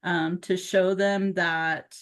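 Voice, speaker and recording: Relaxed, laughing woman guest from Utah. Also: on the low side, slow pace. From Utah, USA. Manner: relaxed, laughing, filler-heavy. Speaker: guest, psychic medium. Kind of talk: casual interview chat.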